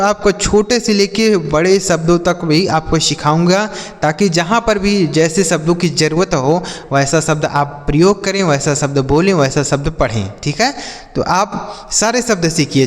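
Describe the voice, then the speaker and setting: A man's voice: fairly high pitch, normal speed, in a large hall. A man teaching English vocabulary to beginners, spelling each word letter by letter, repeating it, and asking and answering his own questions. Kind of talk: slow spoken English lesson for beginners.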